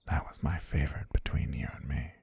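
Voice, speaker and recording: In an intimate ASMR roleplay, a man fully voices an obsessive, genteel butler who holds a princess captive, sounding smug and confiding with soft menace. His extremely low voice is breathy, gravelly, and half-whispered, delivered briskly. The recording is dry.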